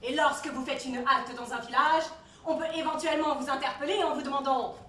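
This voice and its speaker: A haughty Marianne, the Republic in person, lectures her citizens with biting condescension, played by a woman. The voice sits high and is heard from a distance in a roomy, echoing space. Faint noise hums underneath. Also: steady tone, brisk, bright, forceful tone. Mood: mocking. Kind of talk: comedy sketch.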